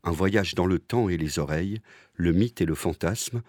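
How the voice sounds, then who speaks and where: A man hosting a podcast with intimate, close-to-the-ear scripted narration and a playful, deadpan manner. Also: sits low, moderate pace, dry recording. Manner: speaking close into the listener's ear; playful, tongue-in-cheek deadpan. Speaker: podcast host.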